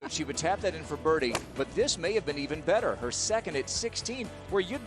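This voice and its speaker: A man working as lead golf commentator, calling tournament highlights and setting up each shot. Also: animated, a little fast. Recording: music behind the voice.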